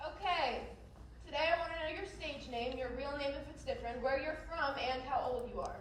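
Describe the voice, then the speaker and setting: Brief: woman as a stern, impatient director; high voice, distant echoey stage sound. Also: brisk, natural voice. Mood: commanding. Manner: curt and commanding. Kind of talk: live stage musical acting. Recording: distant echoey stage recording with hall noise.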